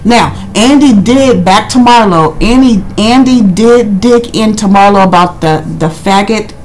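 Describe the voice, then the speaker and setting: A woman's voice: mid-range voice, unhurried, darkish tone, slight background noise. Chatty woman giving a casual recap. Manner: conversational, rambling, acts out others' quotes. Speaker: reality TV recap vlogger. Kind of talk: casual chatty review commentary.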